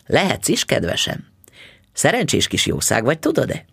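A man's voice: mid-range voice, huge pitch swings, vocal fry, fairly bright tone, slightly rough, no echo, studio quality, exaggerated voice. A man doing a smug, patronizing dentist husband. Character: smug, stingy middle-aged male dentist.

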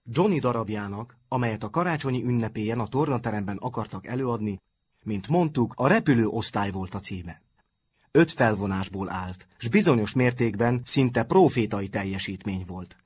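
A man narrating an audiobook in an even storytelling manner. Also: fairly low pitch, slightly rough.

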